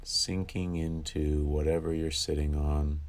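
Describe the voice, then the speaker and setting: A man with an exceptionally deep, low voice guides a meditation for insomnia. His tone is calm and instructive, and he lets long silences fall between phrases.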